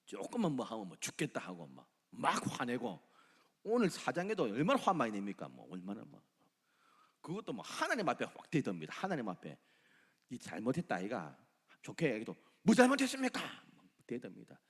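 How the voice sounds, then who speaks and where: A middle-aged man with a Gyeongsang Korean accent preaching a sermon as pastor, with animated delivery and dramatic quoted voices. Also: medium pitch, brisk, vocal fry, husky, big-room sound. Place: church sanctuary.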